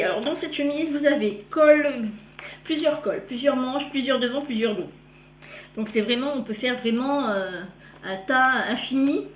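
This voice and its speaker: A woman's voice: fairly high pitch, slight background noise. Chatty French-speaking woman, echoey room. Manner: chatty, halting, many fillers and self-corrections. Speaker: crafting vlogger showing her gifts. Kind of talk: casual show-and-tell.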